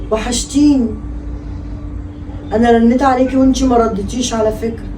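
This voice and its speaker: A woman's voice: fairly high pitch, reverberant, recorded from a distance, close to an everyday voice, low-quality recording. A woman playing an Egyptian mother aching for her daughter. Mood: tender. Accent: Egyptian Arabic. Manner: tender and pleading, turning tearful and bitter. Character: mother longing to take her daughter back.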